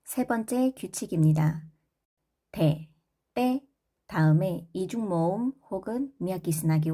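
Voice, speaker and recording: A woman's voice: on the low side, dark tone. A woman teaching a pronunciation lesson, explaining rules and leading repeat-after-me drills of single sounds. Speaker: language teacher.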